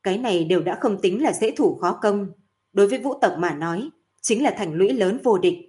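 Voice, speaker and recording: A woman reads a fantasy novel aloud as an audiobook. Her delivery is steady and even, at an ordinary middle pitch for a woman. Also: brisk. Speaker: narrator.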